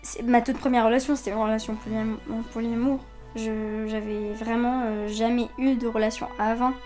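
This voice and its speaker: A woman's voice: on the high side, little pitch movement, normal speed, over music. A woman in her twenties who grew up in Saudi Arabia, speaking hesitantly with many fillers and restarts in a personal testimony. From Saudi Arabia, of Lebanese parents. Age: 20s. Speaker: interviewee.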